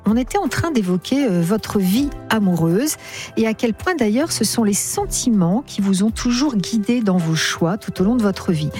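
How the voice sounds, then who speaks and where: A woman hosting a late-night call-in radio show, gently probing and summing up a caller's story. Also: medium pitch. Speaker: radio host.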